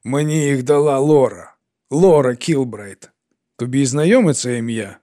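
A man reading an audiobook and voicing an older woman with arthritic hands who speaks in a measured, firm tone. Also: medium pitch, mellow, dry recording, studio quality, close to an everyday voice. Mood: stern, exasperated. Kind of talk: audiobook character voice.

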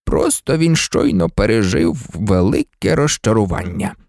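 A man voicing a calm, wise old male headmaster who speaks quietly and unruffled in an audiobook. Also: a little high, moderate pace, gravelly, no room sound, clean studio sound, heavily acted. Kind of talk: audiobook character voice.

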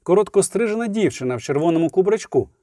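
Male audiobook narrator; dramatic, lively, dry studio read. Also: high-pitched, quick pace, dry recording. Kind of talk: expressive audiobook reading.

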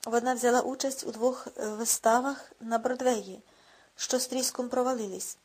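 Husky woman narrator with a slightly high voice, reading at a measured pace for an audiobook. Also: steady tone.

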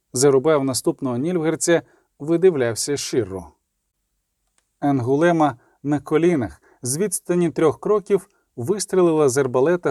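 A man reading an audiobook in a steady, measured way, adding short explanatory notes. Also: medium pitch, dry recording, clean studio sound. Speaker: audiobook reader. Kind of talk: audiobook narration.

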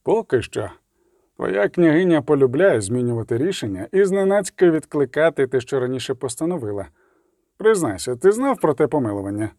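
Geralt, a man doing a curt gruff witcher. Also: on the high side, very animated, a little fast, mellow, dry recording, studio quality. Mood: stern. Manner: curt, brusque.

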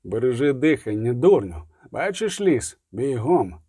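A man's voice: medium pitch, very animated, measured pace, warm tone, breathy edge, no echo, studio quality. A man voicing a hardened male monster hunter who barks curt orders. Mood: urgent.

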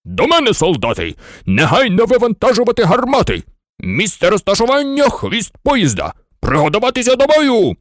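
Bossy paranoid toy general barking orders, lively delivery, narrator doing the voice. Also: mid-range voice, moderate pace, no room sound, studio quality. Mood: commanding. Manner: barking commands. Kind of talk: storybook reading.

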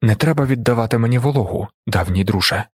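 A blinded young emperor, calm and commanding, speaking in steady measured phrases, as a male audiobook narrator voices him. The voice is husky and mid-pitched, recorded dry and close. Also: dry recording, close to an everyday voice.

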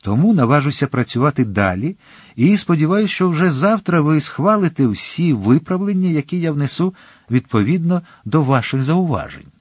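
A man's voice: a little high, big pitch swings, normal speed, darkish tone, breathy edge, no echo, studio quality, pitched above the performer's own voice. A man doing a polite, vain young would-be priest. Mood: polite earnest. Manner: courteous with a hint of irritation.

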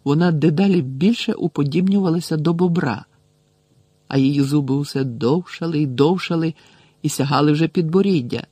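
A man's voice: on the high side, fairly quick, dark tone, breathy edge, no room sound. Man narrating an audiobook, dry sound. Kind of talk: scripted narration of a novel.

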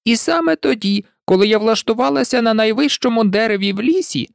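A reader voicing a frantic, shrill female pigeon who scolds and shrieks in a storybook recording. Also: a little fast, creaky, no room sound, clean studio sound, natural voice. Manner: scolding, indignant, breaking into cries. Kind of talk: audiobook reading.

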